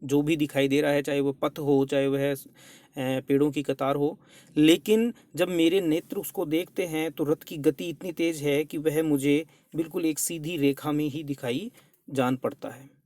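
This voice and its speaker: A male college lecturer teaching a classical play, his voice sitting a little high for a man. He reads out verse lines slowly and deliberately, then explains them plainly. The recording is close and dry, with no room sound. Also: fairly even intonation, a little mellow, no echo.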